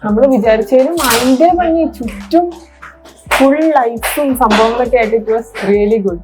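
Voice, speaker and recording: A woman's voice: fairly high pitch, a little slow, rough recording. A woman with a Malayali accent giving casual travel vlog narration, switching between Malayalam and English mid-sentence. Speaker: travel vlogger. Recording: music under the voice.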